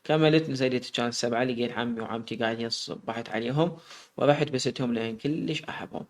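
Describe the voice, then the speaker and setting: A man's voice: mid-range voice, fast. A man narrating a first-person story.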